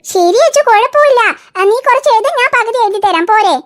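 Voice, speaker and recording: A woman voicing a calm, gently scolding mother in a cartoon. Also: extremely high pitch, fairly quick, a little hiss or hum. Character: soothing cartoon mother of three girls. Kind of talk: cartoon voice acting.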